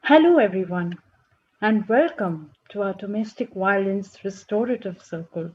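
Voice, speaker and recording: A woman plays a calm counsellor leading a support group. She speaks in a gentle, measured way and often murmurs in agreement. Her voice is mellow, breathy and a bit high, and the audio is muffled.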